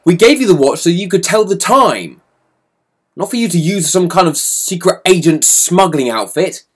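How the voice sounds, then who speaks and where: A man's voice: sits high, expressive, normal speed, husky, voice pushed up. A man doing a stern, scolding father.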